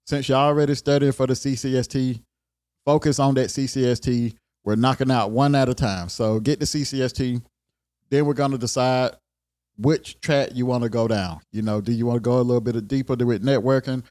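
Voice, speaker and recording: A man hosting his own show, giving relaxed, conversational career advice with a regional American accent and plenty of repetition. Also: medium pitch, brisk. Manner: relaxed, conversational, repeats himself. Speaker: host. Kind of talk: casual career advice talk.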